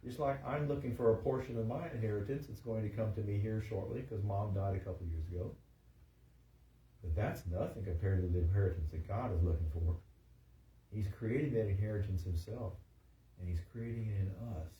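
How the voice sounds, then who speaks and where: A man preaching a sermon, reading scripture aloud with rising emphasis and halting restarts. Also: on the low side, reverberant, far from the mic, highs cut off, a little hiss or hum. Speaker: pastor. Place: church sanctuary.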